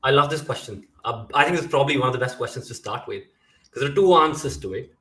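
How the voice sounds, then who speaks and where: A man's voice: mid-range voice, lively intonation, fast talker, sharp tone, echoey room, poor audio. A man from India, a career coach, giving earnest advice on a live video call, laying out points in lists with frequent fillers.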